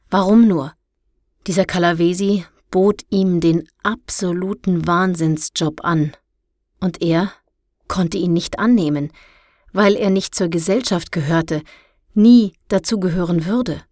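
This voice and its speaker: A woman narrating a children's storybook in a calm, measured way. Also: fairly low pitch, no room sound, clean studio sound. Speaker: audiobook narrator.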